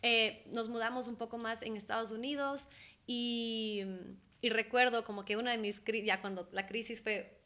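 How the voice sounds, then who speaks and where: The Ecuadorian guest, a young adult woman working as a holistic therapist, speaks at normal speed with a voice on the high side. Chatting casually and animatedly in the interview, she laughs frequently and acts out the voices of those she quotes.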